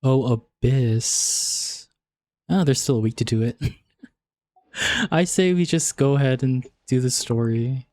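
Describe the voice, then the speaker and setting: A man chats casually on a gaming livestream, often dropping "like" into his talk. His mid-range voice is darkish and slow, with long pauses and no echo. Background music plays behind him.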